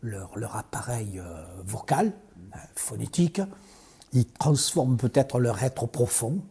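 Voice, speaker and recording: A man from southern France speaking in a conversational interview, reflective and animated, often restarting his sentences. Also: mid-range voice, a little slow, a little hiss or hum. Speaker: interview guest.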